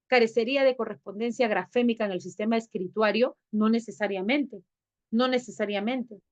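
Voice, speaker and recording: A woman leads an online class, coaxing and affectionate as she keeps asking whether everyone has understood. Her voice sits fairly high. The recording sounds dull and lo-fi. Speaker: teacher.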